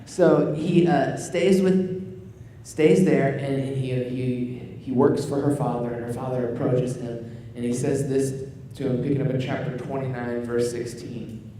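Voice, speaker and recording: Man, young pastor, casual joking sermon, mellow tone, long hall reverb, distant mic, faint room noise. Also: mid-range voice, level tone, moderate pace, hardly any pauses. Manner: joking, self-deprecating storytelling. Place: church stage with audience. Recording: echoey hall, voice from far off.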